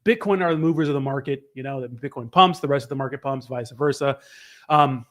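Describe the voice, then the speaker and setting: A man hosting a casual live stream with a slightly hoarse voice, hyping things up and greeting viewers in informal slang. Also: mid-range voice, brisk. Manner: upbeat, informal hype with slangy shout-outs.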